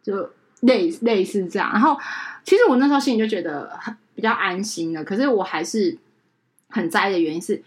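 A woman's voice: mid-range voice, brisk. A young woman, a podcast co-host and wedding emcee, telling a story in casual chat and acting out the people she quotes. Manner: animated, acts out quoted people.

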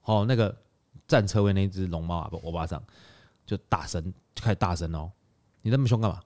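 A man's voice: low-pitched, a little fast. A man, co-hosting a podcast and animatedly retelling a story in casual chat. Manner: animated, retells scenes with acted quotes. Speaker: podcast co-host.

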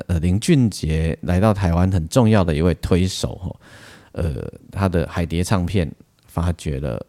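This music podcast host has a deep, mellow voice and a Taiwanese Mandarin accent. Running a casual show on his own, he rambles along, sprinkling in frequent particles and asides.

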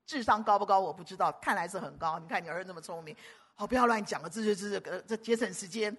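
A woman preacher delivering a sermon, emphatic and animated, often stumbling and repeating words. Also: mid-range voice, fast talker, slightly rough.

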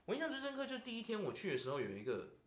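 A man's voice: sits high, wildly swooping pitch, rapid-fire. A man with a Taiwanese Mandarin accent, hosting a podcast and venting in casual chat, constantly asking "you know?". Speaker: podcast host. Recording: roomy echo.

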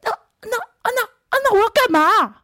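A woman's voice: extremely high pitch, animated, normal speed, pushed and bright, no echo, clean studio sound, pitched above the performer's own voice, heavily acted. A woman acting out a gullible, flustered young male bandmate with a squealing, panicky voice. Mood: panicked.

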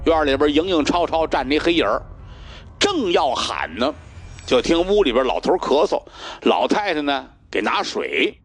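A man performing a traditional solo storytelling piece, told with animated, dramatic pacing. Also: fairly high pitch, moderate pace, soft background music.

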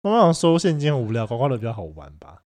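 A man with a Taiwanese Mandarin accent co-hosting a casual podcast chat, joking and breaking into loud laughter. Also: mid-range voice, wildly swooping pitch, rapid-fire. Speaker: podcast co-host. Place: studio room with echo.

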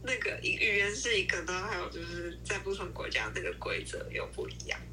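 A woman's voice: on the low side, very animated, fairly quick, bright, forceful tone. A young woman talking casually as a podcast co-host, sharing personal anecdotes in an informal conversational way. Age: young adult. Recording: faint background noise.

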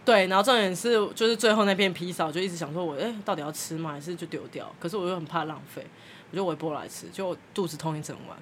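A woman's voice: fairly low pitch, fast, slight background noise. A woman podcast host, telling a story in casual chat and acting out the people she quotes, with frequent laughter.

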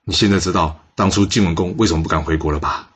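A man's voice: low voice, fast, fairly bright tone, slightly rough. A man telling a history story in a chatty way, often putting questions to the listener.

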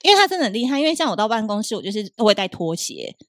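Woman host, playful ribbing, lively pitch, fast. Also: dry recording, studio quality. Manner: teasing, laughs a lot, prompts guests. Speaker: podcast host. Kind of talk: casual chat.

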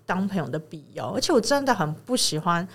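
Fast-talking woman telling a story. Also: medium pitch, husky. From Taiwan. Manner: animated retelling, acts out quoted dialogue. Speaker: podcast co-host. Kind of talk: casual chat, storytelling.

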